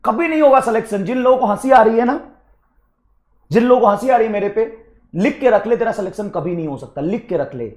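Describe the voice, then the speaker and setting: A man teaching physics who keeps breaking off to scold his students, sarcastic and blunt, with sudden loud outbursts. His voice sits high and swings wildly up and down as he lectures. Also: lively intonation, brisk. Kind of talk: scolding a class while teaching.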